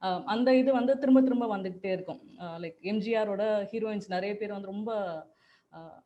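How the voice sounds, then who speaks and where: A woman, answering interview questions reflectively. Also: medium pitch. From Chennai, India. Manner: rapid, reflective, switches between languages mid-sentence. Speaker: podcast co-writer, journalist. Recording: dull lo-fi call audio.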